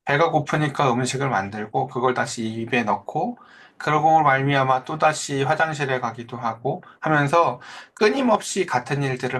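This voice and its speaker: A man's voice: medium pitch, fairly bright tone. A middle-aged man preaching an expository sermon as pastor, talking conversationally, asking his listeners questions and briefly acting out mocking voices. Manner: acts out quoted voices with mocking lines.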